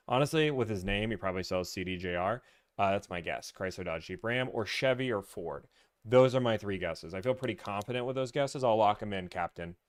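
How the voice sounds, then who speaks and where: Live-stream host, man, smooth clear voice, mid pitch, rambling and teasing. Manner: rambling, teasing, reads and answers chat comments. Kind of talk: casual live-stream chat.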